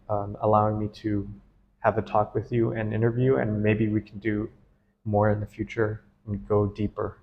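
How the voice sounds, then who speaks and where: With a fairly low-pitched voice, this American man works as a dream analyst and interviews a client in a casual, earnest way, full of enthusiasm and quick laughter. A little hiss or hum can be heard.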